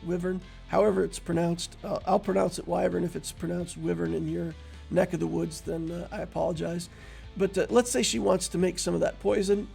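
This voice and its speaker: A man explaining a tabletop role-playing character build in a casual, relaxed, conversational way, with frequent fillers. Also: high-pitched, vocal fry. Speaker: tabletop game build creator.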